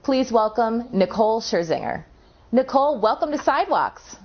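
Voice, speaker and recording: A woman's voice: a little high, big pitch swings, moderate pace. A woman hosting an interview, asking questions in an upbeat way. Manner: upbeat, laughs often. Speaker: interview host. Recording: dull lo-fi sound.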